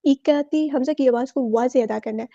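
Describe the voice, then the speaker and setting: Woman tajweed teacher with a Pakistani Urdu accent, high and level, mellow tone, slow chanted words between quick explanations. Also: no echo, lo-fi sound. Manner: slow drawn-out recitation alternating with brisk explanation. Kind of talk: word-by-word recitation lesson.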